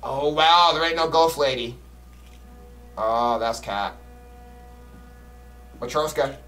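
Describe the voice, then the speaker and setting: A man's voice: slow, far from the mic, faint music behind. A man giving casual, slangy, profane commentary as he plays a horror game, griping bluntly at it. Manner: swings between muttering and loud high-pitched exclamations. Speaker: game streamer playing a horror game.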